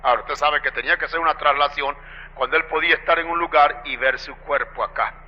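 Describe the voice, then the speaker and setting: A man's voice: fairly high pitch, quick pace. A man preaching a sermon, retelling a vision with rising emphasis and asking the congregation if they follow. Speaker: pastor. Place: church sanctuary. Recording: dull lo-fi broadcast with long reverb.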